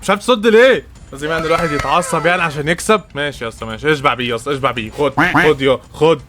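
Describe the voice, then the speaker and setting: With music playing, a young male streamer with an Egyptian Arabic accent talks very fast over his gameplay in a slightly high voice. His commentary is frustrated and full of trash talk, swearing, and mockery aimed at his opponent.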